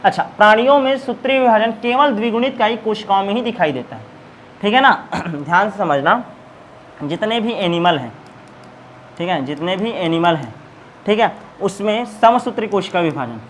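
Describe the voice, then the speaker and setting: A man teaches biology in a lecture style. He poses questions to his students and answers them himself, repeating each key term. A faint hiss sits under the recording. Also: high voice. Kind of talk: classroom lecture with call-and-response questions.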